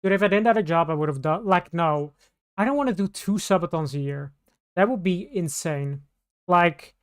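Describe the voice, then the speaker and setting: A woman streamer chatting casually on a live stream, rambling and restarting her sentences. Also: on the low side. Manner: rambling, scattered, with many restarts.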